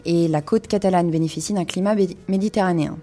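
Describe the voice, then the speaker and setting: Woman, wine columnist, hesitant with fillers, warm dark tone. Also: lowish voice, quick pace. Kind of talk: casual radio-style wine segment.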